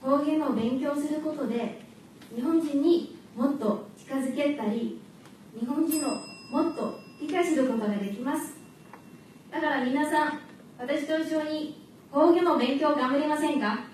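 High-voiced woman speechmaking in an echoey hall. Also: darkish tone, a little hiss or hum. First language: not Japanese. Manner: clear, measured delivery to an audience. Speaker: speech contest contestant. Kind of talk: prepared speech. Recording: echoey hall, distant mic, faint ambience.

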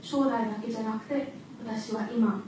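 A woman's voice: on the high side, fairly even intonation, normal speed, warm tone, slight background noise. A woman giving a prepared contest speech, earnest and reflective. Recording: echoey hall, distant mic, faint ambience.

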